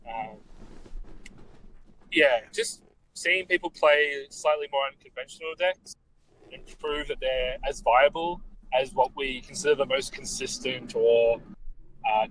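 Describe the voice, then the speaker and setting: A man's voice: medium pitch, fairly bright tone, a little hiss or hum, low-quality recording. A man in casual podcast chat, thoughtful and hesitant, with many ums.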